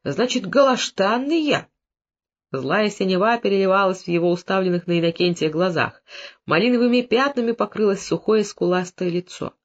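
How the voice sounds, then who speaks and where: A man narrating a novel in a dramatic, expressive audiobook reading. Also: high-pitched, a little fast. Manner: dramatic, animated storytelling. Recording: dull lo-fi recording.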